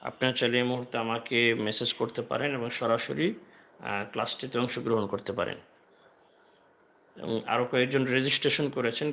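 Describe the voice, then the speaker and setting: A man teaching the Arabic alphabet in a live online class, patiently explaining and repeating each letter sound slowly. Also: medium pitch, vocal fry, a bit bright. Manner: slow drilled letter sounds with repeated examples.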